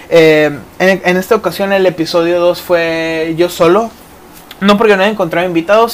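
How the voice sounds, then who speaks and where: A young man with a Mexican accent, hosting a solo podcast and telling a story in casual, slangy speech with lively quoted asides. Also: sits high, a little hiss or hum. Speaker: podcast host.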